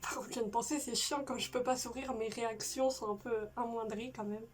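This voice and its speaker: A young woman with a fairly high voice and a slushy, lisping s. She chats informally as a reaction video host, gushing and repeating herself in slang, recorded a little away from the mic. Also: steady tone, brisk, distant mic. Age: late teens, young adult. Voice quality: slushy lisp on s sounds. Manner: stiff upper lip from mouth swelling. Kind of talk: casual excited video chat.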